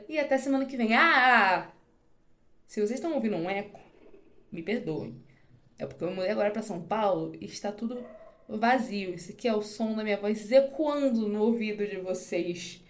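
A woman host with a voice sitting a little above the usual, bright and chatty, laughing between phrases. Her voice rings back off the walls of an empty, bare home. It sounds like a casual podcast sign-off. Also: on the high side. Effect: echo of an empty room. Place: empty newly moved-into home. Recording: echoey voice in a bare empty room.

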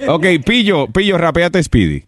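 A man's voice: on the high side, unhurried, a little hiss or hum. A man hosting a comedy call-in radio show, teasing the callers and dropping English phrases. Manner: teasing, animated, mixing English.

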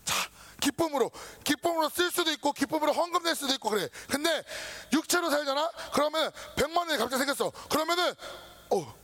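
A man preaching a casual sermon to a youth group, lively and informal, acting out his listeners' worries. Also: very high voice, fast talker. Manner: lively, talks down to students casually, acts out their worries. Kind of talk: sermon to teenagers.

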